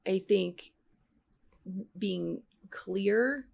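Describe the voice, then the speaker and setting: Gravelly-voiced woman podcast co-host. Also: medium pitch, drawn-out words, a little mellow. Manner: candid and conversational. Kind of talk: casual chat.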